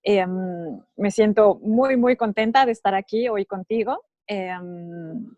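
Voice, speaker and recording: A woman's voice: mid-range voice, mellow, no echo, dull audio. Thoughtful woman, dry close sound. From Mexico. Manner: measured, thoughtful, with frequent pauses. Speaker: guest. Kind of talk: podcast interview.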